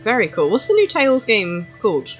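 Woman, art streamer, casual chat, lively up-and-down voice, frequent laughs, faint music behind. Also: mid-range voice, fairly quick, dull audio. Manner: chatty, laughs often, reacts to viewers' comments. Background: faint background music.

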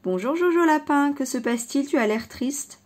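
A woman voicing a calm, gentle male horse in a children's storybook who turns firm and quietly defiant. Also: high-pitched, moderate pace. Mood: kindly.

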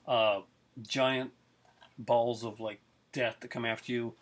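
This is a casual video review by a middle-aged man who collects films. He speaks slowly in a medium-pitched, flat voice, though he rambles eagerly about his collection with many fillers, sitting close to a webcam in his living room.

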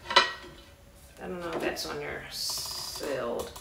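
An American vlogger in her thirties gives casual, playful, chatty unboxing commentary in a carpeted living room, with her voice low-pitched, slow, and full of vocal fry. A camera a few meters away picks her up, so the room sounds distant and echoey, with loud clattering handling noise.

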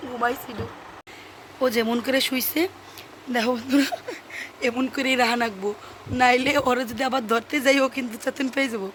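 A young woman vlogger chatting casually to viewers while she minds a baby, dropping into soft cooing baby talk. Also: a little high, steady tone, moderate pace, pauses often, slight background noise, rough recording.

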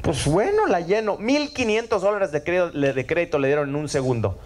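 A man's voice: fairly high pitch, lively intonation, a little fast. A middle-aged man, preaching a sermon and often asking the audience for agreement. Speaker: pastor.

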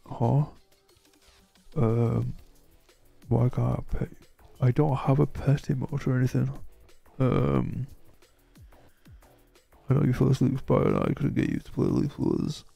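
Slow, gravelly man streaming a game. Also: medium pitch, warm tone, no room sound. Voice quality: croaky. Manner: rambling and hesitant, many restarts. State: sleepy, yawning. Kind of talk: casual live-stream chat.

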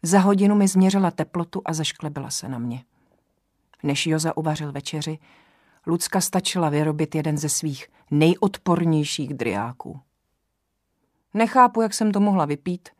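Low-voiced woman narrating a novel. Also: dry recording, clean studio sound. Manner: measured first-person storytelling. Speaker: audiobook narrator.

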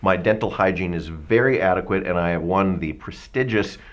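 A radio DJ in his fifties making absurd boasts with a deadpan delivery in a mock debate. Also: low-pitched, normal speed. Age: 50s.

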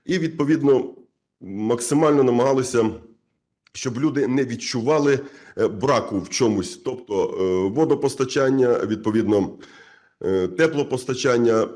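Halting, mellow-voiced Ukrainian man speaking. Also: medium pitch. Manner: halting, many filler sounds and restarts; earnest, repeats himself for emphasis. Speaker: community head speaking at a conference. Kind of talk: conference speech.

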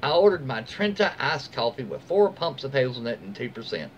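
Casually reading online stories aloud like a host chatting with followers, a middle-aged American man speaks at a fairly quick pace in a mid-pitched voice that rises and falls in a lively way. He drops in informal, folksy asides. The recording comes from a small room at home, with faint room noise and the high frequencies cut off.

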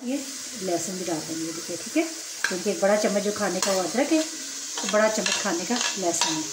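A middle-aged cooking vlogger with a medium-pitched voice talks fairly quickly as she walks through a home recipe, adding chatty asides at each step. She films on a phone held over the pot at her stove. The kitchen sounds echoey, with frying and sizzling in the background.

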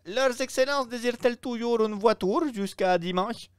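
A man reading aloud and voicing an excitable, flattering Italian innkeeper in a raised, exclamatory voice. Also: moderate pace, clean tone, dry recording, studio quality. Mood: eager. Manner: exclamatory, fawning, pitched high.

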